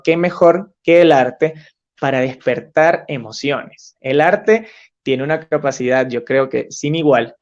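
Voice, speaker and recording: Man teacher, enthusiastic webinar talk, higher voice, dull lo-fi sound. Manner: enthusiastic, repeats key ideas, sings examples with guitar. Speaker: teacher and music educator.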